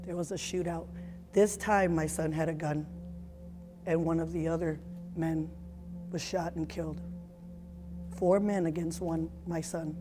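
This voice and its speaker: A woman in her forties giving a personal testimony as a mother, speaking in an earnest, emotional, halting way. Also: sits low, steady tone, music in the background.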